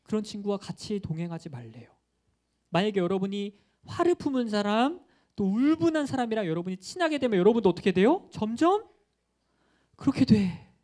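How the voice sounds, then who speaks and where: A man's voice: high voice, big pitch swings, a little fast, a little mellow. A young male pastor giving a playful children's sermon, asking questions and acting out quotes.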